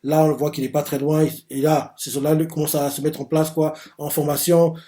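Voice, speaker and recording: A man's voice: a little high, level tone, a little fast, dark tone. A man casually recapping a manga chapter, rambling and leaning heavily on filler words. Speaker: manga reviewer.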